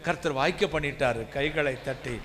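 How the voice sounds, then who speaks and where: Male pastor, high bright voice, storytelling sermon that rises to emphatic preaching. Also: normal speed, a little hiss or hum. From India. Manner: personal storytelling that swells to loud emphatic preaching.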